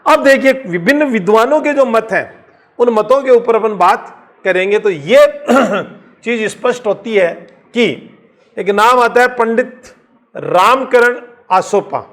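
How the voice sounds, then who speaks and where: A male teacher with a Rajasthani accent giving an exam-prep lecture, explaining slowly, repeating key points and answering his own questions. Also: very high-pitched, fairly bright tone.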